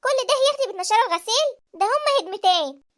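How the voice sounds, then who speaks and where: A woman voicing a bossy, nagging middle-aged village mother in an animated story, with an Egyptian accent. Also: extremely high pitch. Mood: scolding. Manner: scolding, quick and sharp. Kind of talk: cartoon voice acting.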